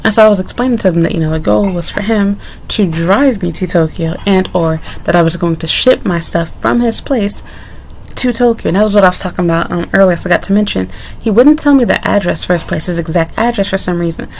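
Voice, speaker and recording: A young woman vlogger, a native English speaker, tells the story of a personal ordeal directly to camera, candid and rambling, wandering into asides before returning to the thread. Her fairly low voice carries a noticeable gravelly fry and moves fairly quickly. The rough recording has a little hiss or hum.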